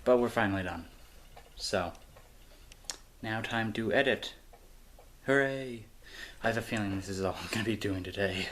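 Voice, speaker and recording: A man's voice: fairly low pitch, moderate pace, long pauses, a bit bright, slight background noise. A young man from the United States talking casually to camera in a rambling, sarcastic way, swearing freely. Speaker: vlogger. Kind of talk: casual vlog talk to camera.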